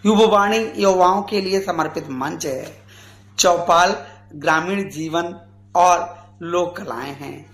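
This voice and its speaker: A man in his forties, a radio guest, giving a formal tribute speech in an earnest, measured way. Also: high-pitched, a bit bright, reverberant. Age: 40s.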